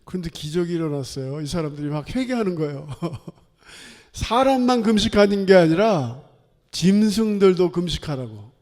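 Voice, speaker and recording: A man preaching a sermon as pastor, animated, acting out quoted voices and laughing often. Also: a little high, normal speed. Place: church sanctuary. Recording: long hall reverb.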